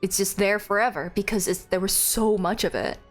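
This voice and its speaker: A woman's voice: medium pitch, brisk, soft background music. A young woman doing casual, chatty live stream commentary, playfully reacting as she plays a game.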